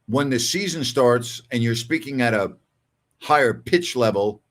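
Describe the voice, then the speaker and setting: In an unhurried, animated way, an older man with a slightly bright, mid-range voice hosts a laid-back sports call-in show. He chats through listener messages conversationally and emphatically, saying phrases again to stress them.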